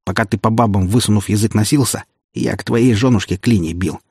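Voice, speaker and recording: Guy playing a sneering treacherous uncle, loud and mocking, bit breathy, close dry mic, audiobook villain. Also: on the low side, brisk, no echo. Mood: gloating. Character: gloating treacherous middle-aged male security chief. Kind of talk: audiobook character voice.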